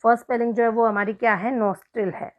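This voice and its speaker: A woman's voice: a little high, fairly even intonation, fast. A woman with an Indian accent teaching an English spelling lesson online, explaining in Hindi and English and spelling out words letter by letter. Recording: dull lo-fi recording.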